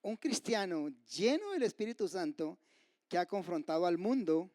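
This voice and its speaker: A man preaching a sermon, asking his listeners rhetorical questions and swinging from loud outbursts to hushed whispers. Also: high-pitched, sing-song, normal speed, no room sound, clean studio sound. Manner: asks the congregation rhetorical questions. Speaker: pastor.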